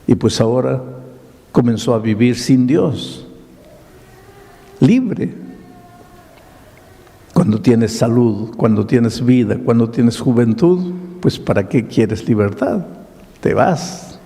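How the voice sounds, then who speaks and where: A man's voice: medium pitch, takes it slowly, vocal fry, mellow. An older man with a Peruvian Spanish accent, a pastor preaching a sermon and dramatically telling a story with acted-out dialogue. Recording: long hall reverb.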